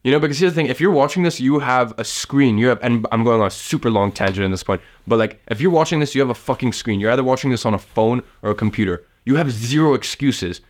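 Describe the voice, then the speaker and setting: A man's voice: mid-range voice, quick pace, hardly any pauses. A young man in his late teens from the south of Russia, giving casual motivational advice to camera, rambling and swearing often. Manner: rambling, swears often, heavy use of fillers. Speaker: vlogger giving life advice.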